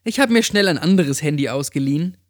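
A man's voice: fairly high pitch, animated, quick pace, dry recording, studio quality. A man voicing a cheerful, slightly tipsy young woman calling a friend on the phone. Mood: bubbly. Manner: bubbly, a little tipsy.

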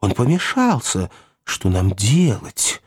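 Male narrator as a composed old gentleman, earnest and kind, storybook reading. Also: medium pitch, huge pitch swings, takes it slowly, breathy edge, dry recording, studio quality, exaggerated voice. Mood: alarmed. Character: kindly composed elderly gentleman.

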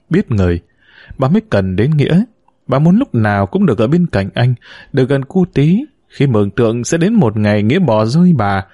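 Warm-voiced man narrating a novel. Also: medium pitch, dry recording, muffled recording.

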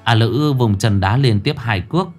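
A man's voice: mid-range voice, moderate pace, faint music behind. A man narrating a ghost story in a dramatic, action-filled telling.

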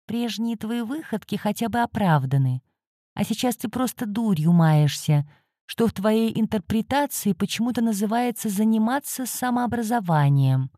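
A woman's voice: mid-range voice, lively intonation, moderate pace, warm tone, no echo, clean studio sound, voice pushed up, close to an everyday voice. A woman voicing a grumpy, sarcastic male cat guardian who hisses and scolds. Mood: scolding. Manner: hissing, scolding.

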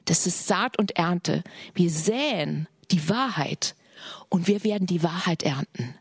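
A woman preaching a sermon in an earnest way, often dropping into soft whispered passages. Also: fairly low pitch, lively intonation, unhurried, breathy edge, dry recording, clean studio sound.

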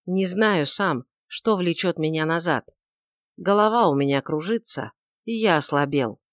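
A woman's voice: lowish voice, a little slow, no room sound, close to an everyday voice. A woman voicing a troubled, passionate male outlaw who speaks in a brooding, pleading way, on a dry recording. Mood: grieving pleading.

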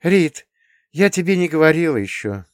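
A man reading an audiobook and voicing a gentle, worried young mother. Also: a little high, sing-song, normal speed, no echo, clean studio sound, pitched above the performer's own voice.

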